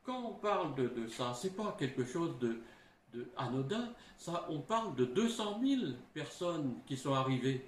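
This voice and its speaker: A middle-aged man, a historian, explaining in a halting way, full of restarts and little tag words. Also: a little high, very animated, a little hiss or hum. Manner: halting, frequent "hein" and restarts. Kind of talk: explanatory talk. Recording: roomy with faint ambience.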